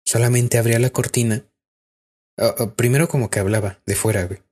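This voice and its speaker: A man's voice: medium pitch, fairly even intonation, fairly quick, darkish tone, husky. A man with a Mexican accent, telling a spooky personal story in casual, rambling podcast chat with lots of fillers. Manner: rambling with many fillers and restarts. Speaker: podcast co-host.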